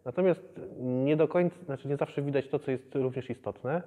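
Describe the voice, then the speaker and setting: A man in his thirties, a museum educator, explaining the exhibition in a measured way with many hesitations. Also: medium pitch, long reverb tail, narrow, tinny audio. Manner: measured, with frequent hesitation fillers. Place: museum exhibition hall, indoors.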